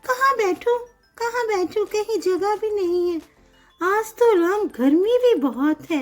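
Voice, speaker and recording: A very high, slow, whiny little schoolgirl, as a woman puts her on, fretting over her homework in a storybook doll show. She drags her words out slowly. Faint music plays behind. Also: a little mellow, exaggerated voice. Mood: fretful. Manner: whiny, tearful. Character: fretful schoolgirl doing homework.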